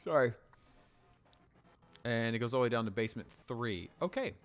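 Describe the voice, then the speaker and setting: With a medium-pitched voice and a moderate pace, this home streamer plays a game in a casual let's-play style, animated and playful. He hums along and reads the on-screen text aloud while soft music plays in the background.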